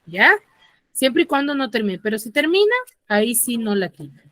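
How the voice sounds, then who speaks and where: A woman's voice: on the high side, sing-song, normal speed, fairly bright tone, no echo. A woman teaching an online class, explaining step by step and checking in with her students. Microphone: computer mic on a video call.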